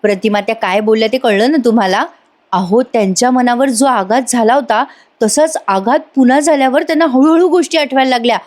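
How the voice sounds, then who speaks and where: An earnest young wife from a TV serial asks pointed questions, read by a woman recapping the episode. Her voice sits a little high. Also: a little fast, darkish tone, natural voice. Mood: probing.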